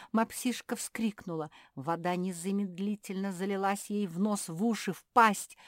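A woman narrating a children's audiobook in a steady, expressive way. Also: medium pitch, no room sound, clean studio sound.

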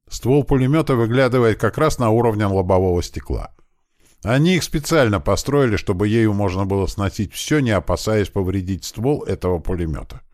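A man's voice: on the low side, darkish tone, no room sound. A man narrating a first-person audiobook with a tense, vivid storytelling manner on a close studio mic.

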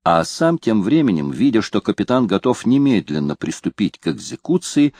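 Male narrator, low and expressive, dry close mic. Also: moderate pace, slightly rough, no echo. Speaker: audiobook narrator. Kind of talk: scripted narration.

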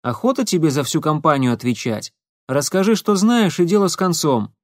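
A man voicing a young female security officer with a calm, reproachful tone. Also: on the high side, moderate pace, dry recording, studio quality, voice pushed up, natural voice.

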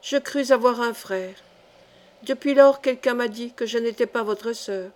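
A shy, devout young girl speaks softly and innocently, as a woman reader gives her lines. Her voice sits fairly high. This is an audiobook of a classic novel. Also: unhurried, close to an everyday voice. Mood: earnest. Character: timid pious young girl, childlike. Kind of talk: audiobook character reading.

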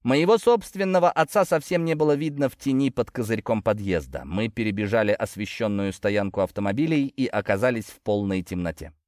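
A man narrating a fantasy story in a lively, expressive reading. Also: on the low side, fairly quick, hardly any pauses, dry recording, studio quality. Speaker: audiobook narrator.

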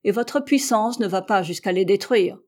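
A woman's voice: medium pitch, moderate pace, darkish tone, close to an everyday voice. A woman voicing a stubborn, proud American explorer. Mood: heated. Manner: obstinate, insistent, heated.

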